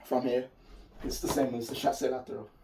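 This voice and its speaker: A man who is losing his voice and sounds hoarse, giving an informal martial arts tutorial as an instructor demonstrating technique. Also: medium pitch, level tone, fairly quick, background noise. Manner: informal, explanatory, occasional swearing. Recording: distant mic.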